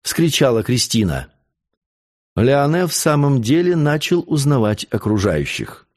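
A man narrating an audiobook in an expressive, theatrical reading. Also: medium pitch, unhurried. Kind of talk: audiobook narration of a historical novel.

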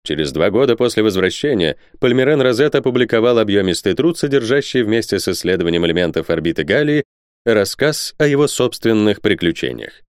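A man reading a novel aloud as an audiobook narrator, with expressive delivery. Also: fairly low pitch, brisk, clear, resonant tone, dry recording, clean studio sound. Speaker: audiobook reader. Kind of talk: scripted narration.

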